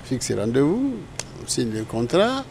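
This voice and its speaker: Older gravelly Congolese man reminiscing. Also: mid-range voice, huge pitch swings, a little slow, a little mellow, slight background noise. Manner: rambling, self-correcting storyteller. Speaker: interviewed guest. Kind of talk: casual interview recollection.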